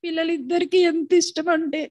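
High, earnest woman giving a tearful testimony. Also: fairly even intonation, brisk, darkish tone, no echo. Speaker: widow giving a church testimony. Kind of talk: emotional spoken testimony.

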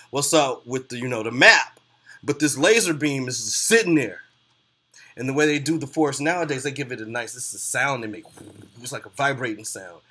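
A man giving a casual, rambling spoken movie review, full of fillers, his voice often trailing off quietly at the ends of phrases. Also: medium pitch. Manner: rambling, loose and conversational, lots of fillers.

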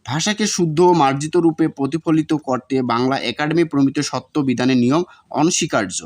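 A man's voice: mid-range voice, brisk. A man teaching, reading out exam notes and repeating example words to show their pronunciation.

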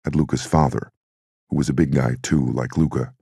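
Very deep, gravelly male narrator. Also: fairly even intonation, moderate pace, mellow, no room sound, studio quality. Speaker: audiobook narrator. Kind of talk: audiobook narration.

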